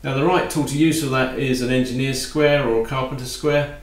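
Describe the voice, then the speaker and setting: A man giving a calm, practical woodworking tutorial while he works at a bench in his home workshop. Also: mid-range voice, a little fast, roomy sound. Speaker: woodworking instructor.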